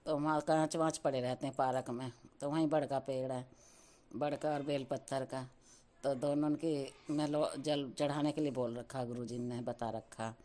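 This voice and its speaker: A woman's voice: extremely low pitch, fairly even intonation, moderate pace, dark tone. A middle-aged woman telling a devotional testimony, repeatedly addressing listeners and chanting words of thanks. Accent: Hindi with Punjabi-flavoured devotional terms.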